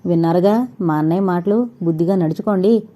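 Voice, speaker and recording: A woman's voice: fairly low pitch, a little fast, dark tone, natural voice. A woman voicing a playful young wife who chides her husband in a storybook reading. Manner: playful, chiding. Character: cheerful teasing young wife.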